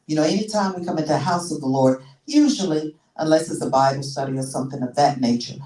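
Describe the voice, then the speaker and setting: A woman pastor in her sixties preaches a sermon in a church sanctuary, teaching with frequent restarts and repeated words. Her voice is low and mellow, captured by a distant mic in the echoey room.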